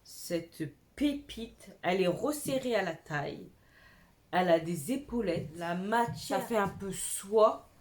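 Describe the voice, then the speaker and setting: Slow-talking chatty young woman vlogger. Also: medium pitch, expressive, a little mellow. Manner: chatty, enthusiastic, uses slang. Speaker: fashion vlogger. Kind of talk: casual clothing haul chat.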